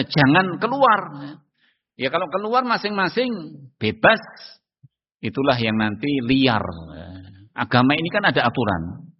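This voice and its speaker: A man's voice: mid-range voice, husky. A man giving a religious study lecture as a preacher, often asking his listeners whether they understand and posing rhetorical questions. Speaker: Islamic preacher. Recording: dull sound in long-reverb hall.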